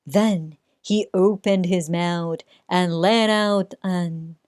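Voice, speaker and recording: A woman reading a rhyming children's story aloud in a sing-song way, with dramatic pauses. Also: lowish voice, steady tone, a little mellow, clean tone, no room sound, studio quality. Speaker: storybook reader. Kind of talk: children's read-aloud narration.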